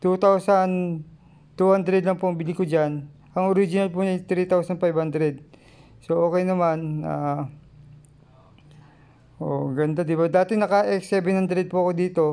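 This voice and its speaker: Casting: Filipino male hobby vlogger, higher-pitched voice, casual halting how-to delivery. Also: fairly even intonation, warm tone, clear, resonant tone. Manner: halting, repeats instructions politely. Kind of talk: casual unboxing and how-to vlog.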